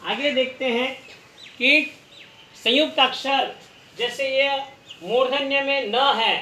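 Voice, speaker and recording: A man's voice: very high-pitched, steady tone, takes it slowly, bright, forceful tone. A man teaching a recorded language lesson, patiently repeating each sound for listeners to try. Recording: echoey room, faint background noise.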